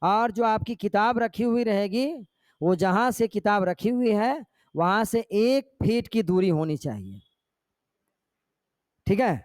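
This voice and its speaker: A man's voice: high-pitched, lively intonation, takes it slowly, a little mellow, no echo, studio quality. A male teacher giving a classroom lecture, explaining step by step and often checking in with his students. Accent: Jharkhand Hindi.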